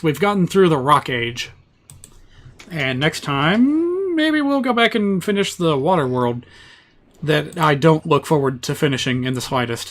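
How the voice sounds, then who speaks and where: A man streams a game with casual running commentary. His voice sits a little high, with a bright, sharp edge. He rambles in a wry, self-deprecating way.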